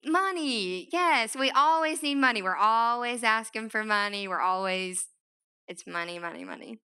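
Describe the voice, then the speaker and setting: A woman speaks with an East Tennessee Appalachian Southern drawl in a forceful, bright voice. Her tone is clean and resonant. She talks to her audience informally and chattily, poking fun at herself along the way. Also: on the high side, expressive, normal speed, smooth. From East Tennessee, United States. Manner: chatty and self-deprecating, often saying "like". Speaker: nonprofit founder speaking to an audience. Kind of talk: informal, conversational public talk.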